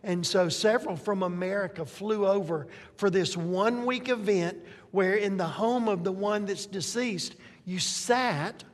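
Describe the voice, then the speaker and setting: An older man preaches in a high-pitched, unhurried voice, easygoing and chatty, often pausing to ask the congregation questions. His words ring out in a long hall reverb, as in a church sanctuary. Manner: conversational, with rhetorical questions to the congregation. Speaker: pastor. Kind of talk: sermon.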